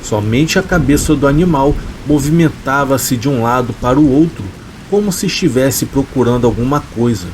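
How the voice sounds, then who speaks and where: A man, calmly reading a scripted horror story in a steady, measured way. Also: mid-range voice, slight background noise, poor audio. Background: rain.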